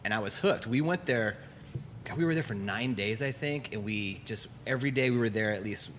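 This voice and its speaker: A man rattles through a personal story at a quick clip. He tells it casually and acts out the dialogue as he goes. A faint hiss of room noise sits under his voice. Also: on the low side. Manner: animated, acts out quoted dialogue. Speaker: brewery owner.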